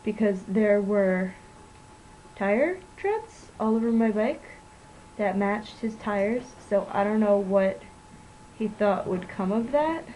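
A woman's voice: medium pitch, expressive, slow pace, dark tone, slight background noise, poor audio. Sarcastic young woman ranting to her webcam. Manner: sarcastic, rambling, self-mocking complaints. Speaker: student vlogger. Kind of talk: casual vlog monologue.

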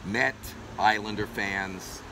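A middle-aged man with a fairly low voice hosts an outdoor street interview in a parking lot. He fires off quick, upbeat questions. Passing traffic and outdoor ambience come through clearly behind him. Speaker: host.

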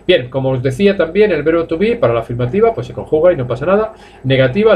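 Lively Spanish teacher drilling English phrases. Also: male voice, medium pitch, a little hiss or hum. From Spain. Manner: explains in Spanish, models English drill sentences slowly, jokes with the chat. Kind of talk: live online English class. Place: language academy classroom.

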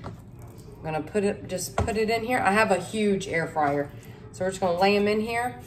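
At a moderate pace and medium pitch, the home cook vlogger chats through a recipe from her kitchen with slight background noise. Her manner is folksy and friendly as she talks to camera, calling everyone y'all.

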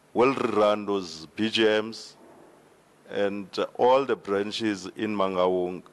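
A man with a South African accent answering formally at a town hall debate, speaking into a handheld mic in a large hall, with measured hesitations. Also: on the low side. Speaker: regional party official on a panel. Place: large indoor hall with seated audience. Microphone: handheld microphone.

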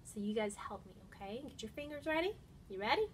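With a sing-song, slightly high voice and a fast delivery, a woman in her thirties leads storytime, reading and singing to young children and encouraging them along. The camera mic in the window-lined indoor room picks up a little hiss or hum.

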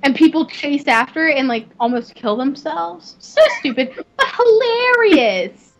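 Giggly high-voiced Southern young woman. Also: moderate pace. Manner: giggly, rambling, exclamatory. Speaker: streamer. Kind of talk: casual game live-stream chat. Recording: slightly dull, faint noise.

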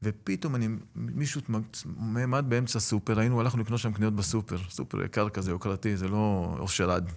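A man's voice: fairly low pitch, creaky, hardly any pauses. A middle-aged man, a rabbi and lecturer, telling stories in an interview and acting out the people in them. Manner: animated storyteller, acts out quoted voices. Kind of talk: storytelling in an interview.

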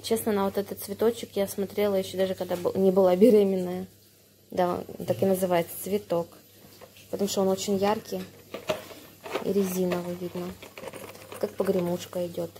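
A woman's voice: mid-range voice, little pitch movement, fairly quick, noisy background. A young woman talking casually as a vlogger while showing purchases at home on a handheld phone. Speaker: vlogger, mother of a baby. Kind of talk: casual unboxing vlog chat. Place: indoors at home, tiled and wooden floors. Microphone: handheld phone behind the camera.

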